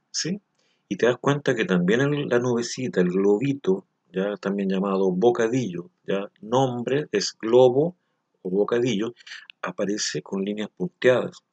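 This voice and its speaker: A man's voice: on the low side, breathy edge. A man teaching a recorded lesson, explaining things patiently and often stopping to ask whether the listener follows. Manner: patient, explains slowly, asks frequent check questions. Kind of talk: recorded language lesson for children.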